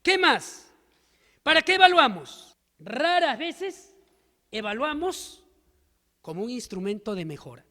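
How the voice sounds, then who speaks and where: A man's voice: extremely high pitch, very animated, takes it slowly, long pauses, pushed and bright. A man giving an emphatic seminar lecture to teachers, full of rhetorical questions and stories. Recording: long hall reverb.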